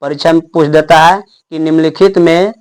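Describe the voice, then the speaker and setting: A young male teacher, giving a classroom lesson. He asks questions and answers them himself, and slows down to sound out each letter. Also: a little high, fairly even intonation, clear, resonant tone.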